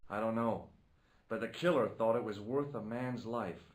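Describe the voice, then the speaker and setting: An actor playing a calm young male amateur detective in a video game, questioning a witness in a dry, level way. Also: lowish voice, normal speed, lightly acted.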